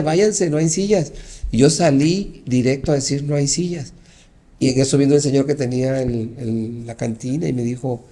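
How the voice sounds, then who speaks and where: A middle-aged pastor, a man, telling his personal testimony in an interview and acting out the dialogue as he goes. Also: medium pitch. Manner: animated storytelling, acting out dialogue.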